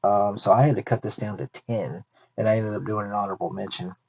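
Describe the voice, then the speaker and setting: A man in his thirties hosts a casual podcast in a chatty, easygoing manner, thinking aloud and correcting himself along the way. His lowish, gravelly voice stays steady in tone at a quick pace. The recording has a dull, lo-fi sound.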